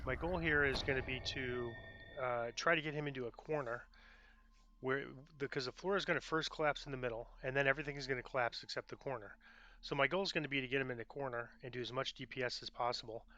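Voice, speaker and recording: A man's voice: medium pitch, fairly even intonation, fast talker, pushed and bright, dry recording, muffled recording. A man giving casual gameplay commentary, thinking aloud in a self-deprecating way. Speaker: gamer narrating own gameplay.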